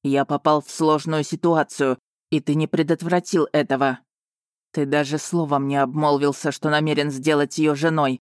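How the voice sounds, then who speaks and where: An audiobook reader voicing a blunt, easily riled male werewolf with a gruff, growling manner. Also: medium pitch, level tone, normal speed, no echo, clean studio sound, close to an everyday voice. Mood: accusing. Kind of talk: audiobook character reading.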